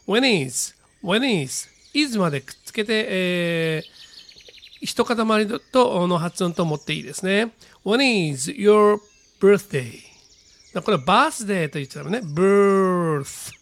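A man teaching English pronunciation on a radio lesson, patiently repeating model phrases slowly with many fillers. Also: high voice, lively intonation, a bit bright.

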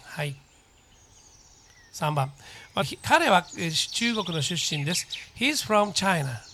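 Man, English teacher, slow repeat drills, patient explanations, faint birdsong behind. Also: a little high, expressive, pushed and bright, a little hiss or hum. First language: Japanese. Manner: slow, deliberate model sentences for repeating; patient explaining, checks in with the listener.

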